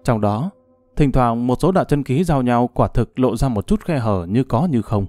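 A man narrating a martial-arts novel as an audiobook, in a steady, even storytelling manner. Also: medium pitch, moderate pace, no room sound.

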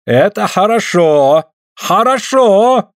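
A man voicing a fierce northern native man who speaks broken Russian in slow, drawn-out words. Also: on the high side, lively intonation, darkish tone, no room sound, studio quality, pitched above the performer's own voice. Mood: shouting, terse.

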